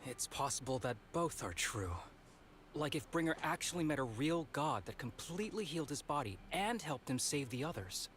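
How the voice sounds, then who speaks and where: A calm male investigator who weighs theories in a measured way. His voice sits slightly high. A faint hiss runs underneath. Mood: thoughtful.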